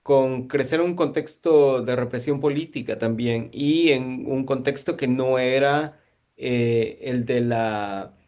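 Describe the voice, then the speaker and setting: A man's voice: medium pitch, takes it slowly, a little mellow. A man from Guatemala, a museum curator giving thoughtful, searching answers in an interview.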